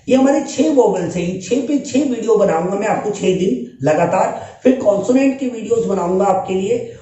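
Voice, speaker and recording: A man with a Hindi accent teaching English sounds in an animated style, calling out example words loudly. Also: high-pitched, heavy reverb, distant mic, dull audio. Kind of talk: spoken lesson.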